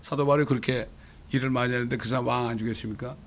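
A man's voice: mid-range voice, fairly even intonation, racing, slight background noise. A middle-aged man preaching a sermon, asking the congregation rhetorical questions and pressing his points with emphasis. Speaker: pastor.

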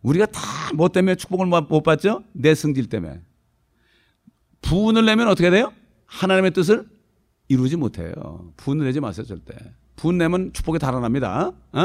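A middle-aged man preaching a sermon, conversational, dropping constant questioning prompts to the congregation and swinging between emphatic raised lines and quiet low asides. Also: big pitch swings, a little fast. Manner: tells anecdotes casually, with informal speech mixed in. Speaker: pastor.

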